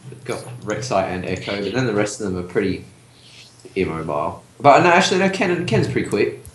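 Deep-voiced hesitant Australian teen caster. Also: male voice, animated, fast talker. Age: teens. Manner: rambling, hesitant, searching for words. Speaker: student shoutcaster. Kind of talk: casual esports commentary. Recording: echoey room, faint noise, clicks.

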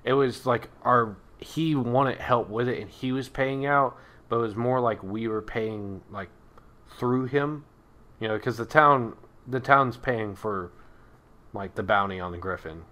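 A man's voice: medium pitch, measured pace, pushed and bright. A man running a tabletop game as game master, chatting casually and loosely with lots of fillers.

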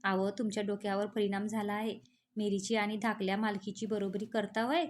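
A woman voicing a sharp-tongued village mother who scolds in rural dialect. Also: mid-range voice, flat delivery, fairly quick, slight background noise, lightly acted. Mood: scornful.

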